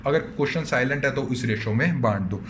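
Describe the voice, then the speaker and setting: Speaking briskly in a mid-range voice, an Indian-accented commerce teacher runs an online accountancy class. He refers to his students as "बच्चों" and echoes their questions, with a little hiss or hum on the recording.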